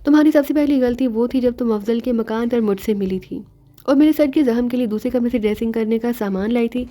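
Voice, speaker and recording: A woman's voice: on the high side, dark tone, natural voice. A woman voicing a sly young male detective who rambles and teases, then lays out his reasoning. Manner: rambling, mocking, teasing.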